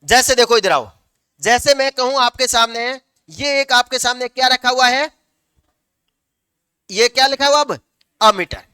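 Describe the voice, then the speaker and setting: Male teacher, lecture delivery, self-answering questions, dictates slowly at times. Very clear, crisp tone. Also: very high-pitched, animated, sharp tone, no echo, studio quality. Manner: asks the class questions and answers them himself; slows down to dictate notes word by word. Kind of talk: classroom lecture.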